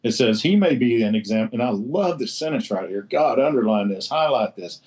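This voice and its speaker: Animated and a little fast, a man with a medium-pitched, darkish voice gives a casual share at a recovery roundtable. He speaks as a group member in a blunt, salty manner, swearing liberally and repeating himself to make his point.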